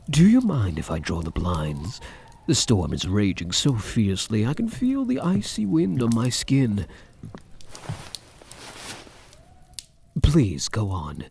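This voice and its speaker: His fairly low, soft, husky voice carries a seductive, hungry mood. The man is heavily acting the part of a possessive vampire count in a soft-spoken ASMR roleplay, deliberately and intimately teasing and menacing.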